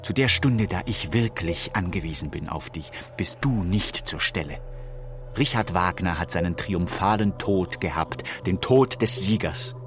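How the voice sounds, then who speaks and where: A man's voice: low-pitched, lively intonation, measured pace, over music. An actor playing a proud, tormented, deranged king in a theatrical, declamatory radio play monologue. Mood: bitter, accusing. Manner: theatrical, declamatory, swinging from whispers to outcries.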